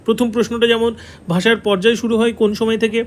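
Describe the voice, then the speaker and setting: High-voiced Bengali man teaching a lesson. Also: level tone, very fast. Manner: repeats key answers, checks in with "ঠিক আছে". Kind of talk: online exam-prep lesson. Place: classroom with a board.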